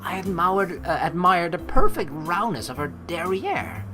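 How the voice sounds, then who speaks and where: Music sits in the background as a let's player with a lowish, very animated voice speaks a little slowly. She blends playful, teasing commentary with reading the visual novel's story text aloud.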